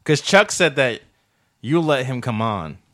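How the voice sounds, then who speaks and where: A man co-hosting a comedy podcast in casual chat, wry and deadpan, turning excitable now and then. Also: mid-range voice, measured pace, dry recording. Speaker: podcast co-host.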